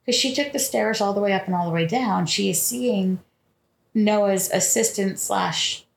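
A woman's voice: medium pitch, a little slow, gravelly. A woman co-hosting a podcast, chatting casually as she recaps a film and acts out the characters' lines. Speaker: podcast co-host. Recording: roomy echo.

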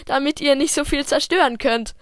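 A woman's voice: high-pitched, moderate pace, no room sound, studio quality, voice pushed up, close to an everyday voice. A woman voicing a fussy female teacher in a hobby audio drama, scolding and exasperated. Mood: bossy. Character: fussy female teacher herding unruly kids.

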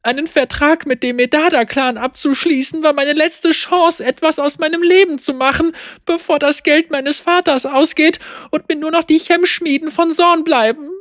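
A woman voicing a desperate young female apprentice, pleading in a high, strained, tearful voice. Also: big pitch swings, moderate pace, hardly any pauses, dry recording, clean studio sound.

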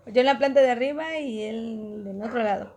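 A young woman with a Mexican Spanish accent tells a story in a casual chat. Her voice sits high and husky, with a gravelly fry at the ends of phrases. She talks in an animated way, laughs often and acts out the other people's lines. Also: normal speed.

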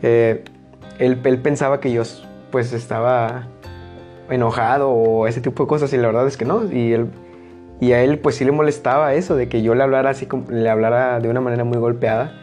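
Blunt, loud-talking young Mexican man. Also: mid-range voice, brisk, soft background music. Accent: Mexican Spanish. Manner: loud, blunt delivery that rises into shouting when excited. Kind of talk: casual storytelling monologue.

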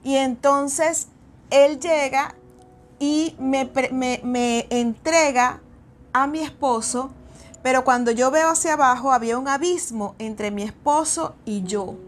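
Lady with a high voice telling her faith story, earnest, restarts a lot. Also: takes it slowly. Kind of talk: personal testimony and exhortation.

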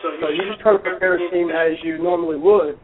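Man, basketball coach, fairly high voice, measured explanations, casual interview, tinny band, background crowd. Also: fairly even intonation. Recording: phone-like radio sound, crowd noise.

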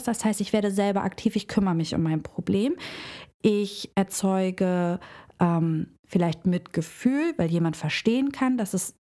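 Woman, hairdresser, reflective self-help talk, soft dark tone, addresses the listener directly. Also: medium pitch. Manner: speaks directly to the listener with everyday examples.

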